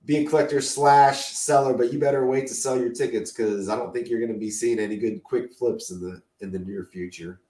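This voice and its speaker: A man's voice: medium pitch, steady tone, brisk, hardly any pauses, warm tone. Co-host, man, fading voice, keen opinionated collector chat, roomy echo. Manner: enthusiastic, opinionated collector talk. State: losing his voice. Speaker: podcast co-host. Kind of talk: casual chat.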